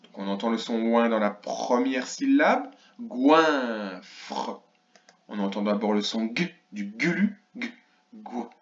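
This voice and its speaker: A man teaching a reading lesson to young children, stretching out each sound and syllable with exaggerated care. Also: mid-range voice. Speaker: primary school teacher. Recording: roomy, slightly dull recording.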